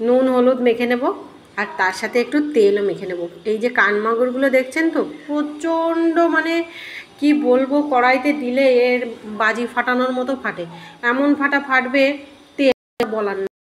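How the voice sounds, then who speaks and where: A middle-aged woman, hoarse from a cold, chatting homely to viewers as she cooks fish in her kitchen. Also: fairly high pitch, fairly quick, slight background noise. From Bengal. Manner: chatty, homely, talks to viewers while cooking. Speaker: cooking vlogger. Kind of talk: casual cooking commentary. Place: home kitchen.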